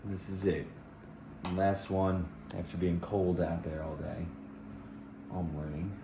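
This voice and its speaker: A vlogger and ultrarunner chats casually to camera over a meal at his mother's home, upbeat and joking. His voice is low and level, and he speaks at a slow pace.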